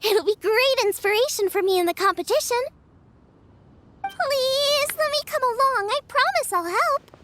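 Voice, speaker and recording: A woman's voice: very high voice, normal speed, a little hiss or hum. A perky young girl cook. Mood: eager. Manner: eager, pleading, excitable.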